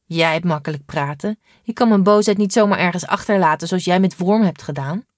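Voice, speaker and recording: A woman's voice: on the low side, fairly quick, no echo, clean studio sound, natural voice. A woman voicing a sulky, grumpy girl who complains in a read-aloud story. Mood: bitter.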